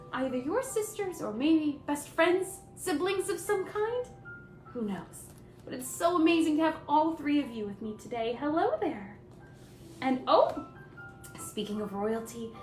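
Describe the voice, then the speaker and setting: A woman's voice: high-pitched, distant mic. A woman playing a sweet, cheerful young princess, hosting a live story-time and greeting children in a gushing, sing-song way with little delighted gasps. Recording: echoey room, away from the mic, faint music.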